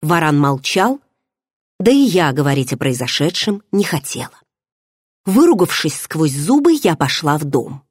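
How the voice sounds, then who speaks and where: A woman's voice: lowish voice, a little mellow, slightly rough, no echo, clean studio sound. A woman narrating an audiobook in the first person, telling the story expressively. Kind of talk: scripted narration.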